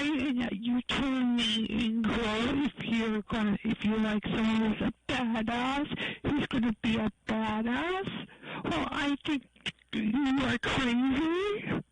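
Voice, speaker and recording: A woman calls in to a show, stretching her words out in a slow valley-girl drawl. Faint noise hangs behind her voice. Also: a little high, low-quality recording. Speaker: caller.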